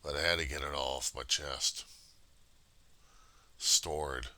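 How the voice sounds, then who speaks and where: A man giving a casual, profane confessional monologue in a halting, raw and emotionally weary way. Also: very deep voice, steady tone, sharp tone. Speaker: personal video diarist.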